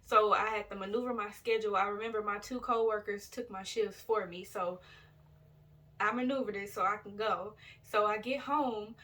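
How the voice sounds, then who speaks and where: A woman's voice: mid-range voice, normal speed. A chatty woman recounting her trip in a loose, rambling way, stopping to correct herself and talk straight to her viewers. Her voice sits in an ordinary middle register and comes across a touch distant from the device mic. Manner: rambling and loose, with many fillers and self-corrections; chatty and relaxed, addresses viewers directly. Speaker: vlogger. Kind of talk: casual storytelling vlog. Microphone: built-in device camera mic.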